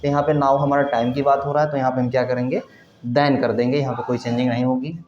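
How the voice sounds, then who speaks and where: Drilling the class with repeated questions, a male teacher gives an English grammar lecture in a room with a board. He speaks fast in a mid-range, darkish voice with little pitch movement, recorded in a roomy, dull space.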